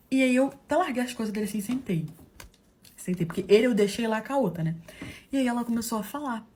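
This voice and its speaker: A woman telling a dramatic personal story in an animated, gossipy way, acting out the dialogue and calling her listeners "love.". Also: medium pitch, breathy edge.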